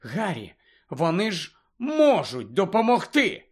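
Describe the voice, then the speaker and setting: A man's voice: high-pitched, huge pitch swings, slow pace, husky, exaggerated voice. A man reading the part of an anxious, insistent teenage girl who hisses and pleads in a storybook. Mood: pleading. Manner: hissing, pleading.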